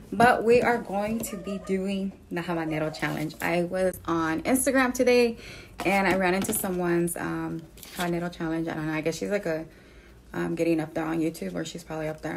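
A woman's voice: on the low side, creaky, a little hiss or hum. A woman in her thirties chatting casually to her phone as a challenge vlogger at home. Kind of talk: casual chat to camera. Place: small room at home, at a table. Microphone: phone at arm's length.

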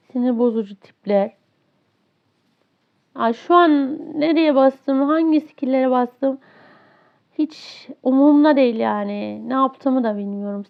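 A high-pitched woman talks over her gameplay in a frustrated, ranting way, complaining about a teammate. The audio is a bit dull and lo-fi. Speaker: gaming streamer. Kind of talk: live gameplay commentary.

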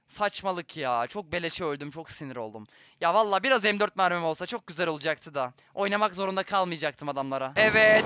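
A man giving excitable, running commentary on his own gameplay, often exclaiming when things go wrong. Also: high-pitched, no echo, clean studio sound. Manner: excitable, swears and exclaims at deaths. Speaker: gaming streamer. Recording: game sounds and gunfire behind voice.

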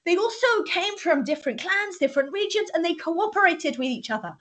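A woman's voice: extremely high pitch, expressive, brisk, fairly bright tone. A woman hosting an academic interview, asking probing, long questions and often restarting her words. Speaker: host, interviewer.

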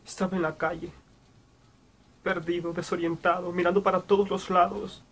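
A young man acting a dramatic monologue as a guilt-ridden brother, sorrowful and anguished, with halting delivery. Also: high voice, flat delivery, a bit bright, a little hiss or hum. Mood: pained confession. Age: young adult. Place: small room, indoors.

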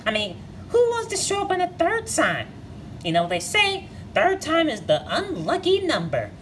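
A woman's voice: high voice, huge pitch swings, moderate pace, a little hiss or hum. A woman voicing a feisty young girl who guards a museum bowling pin, bouncy and shrieking when angry, with light music behind. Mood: playful. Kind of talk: amateur toy-movie voice acting.

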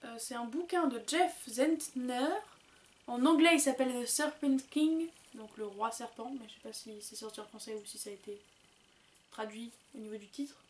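A young woman from France chatting excitedly and casually as she unboxes and describes books and goodies. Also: a little high, moderate pace. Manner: chatty, excitable, loose with swearing. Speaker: booktuber.

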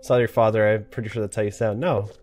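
A man's voice: lowish voice, steady tone, fast talker, darkish tone, faint music behind. A man commentating a game, reading its cards aloud and reacting with laughs and swearing. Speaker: gamer. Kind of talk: let's play commentary.

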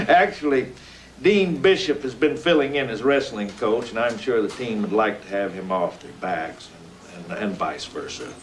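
A genial small-town school principal, played by a middle-aged man, chatty and quick to poke fun at his own school. His voice sits at an average pitch. Faint background noise stays low under him. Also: natural voice. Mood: amiable. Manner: chatty, self-deprecating, laughs easily.

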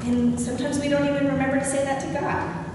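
A woman's voice: high-pitched, level tone, fast talker. A young woman pastor giving a conversational sermon, chatting with and questioning her congregation. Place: church sanctuary. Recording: echoey hall from far off, noisy.

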